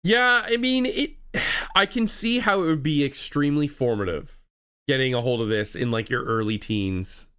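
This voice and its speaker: A man's voice: medium pitch, normal speed, sharp tone, smooth. Easygoing man co-hosting a podcast. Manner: easygoing, agreeable, with short nods and longer complaints. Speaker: podcast co-host. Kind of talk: casual gaming chat.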